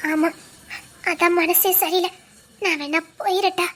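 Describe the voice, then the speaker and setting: A woman's voice: extremely high pitch, fairly even intonation, measured pace, fairly bright tone, a little hiss or hum. A woman voicing an anxious but firm young wife who scolds and worries. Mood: worried.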